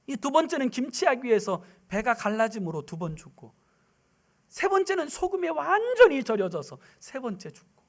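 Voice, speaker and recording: A male guest pastor preaching a Sunday sermon in a church, telling stories emphatically and swinging between loud declarations and hushed near-whispers in a rhythmic, repetitive cadence. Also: very high voice. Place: church sanctuary.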